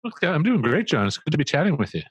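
A middle-aged man, co-founder of a marketing agency, appears as an interview guest, talking fast in a high-ish, sing-song voice with a breathy edge. He explains ideas thoughtfully and conversationally, with restarts and asides, into a boom-arm studio mic while wearing headphones in a small room. The recording is dry.

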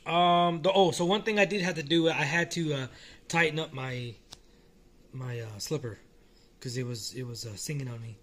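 A man casually talking through a hobby model car while filming it one-handed at home, relaxed and rambling with frequent restarts. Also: a little high, normal speed. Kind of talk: casual off-the-cuff vlog. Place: small indoor room at home.

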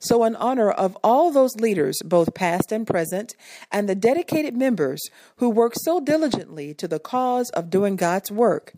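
A woman reading a scripted voice-over narration for a church video in a measured, formal way. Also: mid-range voice, very animated, warm tone, no echo.

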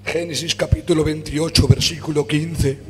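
A man with a Spanish accent preaching a fervent sermon in a church, swinging from low murmurs to shouts. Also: level tone, moderate pace. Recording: church hall reverb with faint music.

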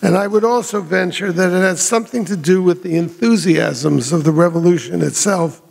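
Older man, gravelly and fairly high, measured memorial speech with hall reverb. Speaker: memorial speaker. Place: hotel ballroom.

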